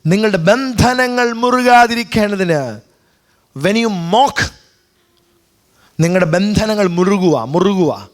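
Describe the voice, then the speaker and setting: A man preaching a sermon as pastor, with a Malayali accent, switching between two languages and punctuating his points with hallelujahs and amens. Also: high-pitched. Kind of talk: bilingual sermon.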